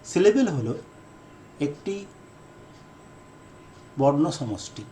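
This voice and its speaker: A deliberate, repetitive man teaching a lesson. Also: fairly high pitch, sing-song, mellow, a little hiss or hum. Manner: repeats key definitions, switches between Bengali and English; slow deliberate phrasing with fillers. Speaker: English teacher. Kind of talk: explanatory lesson lecture.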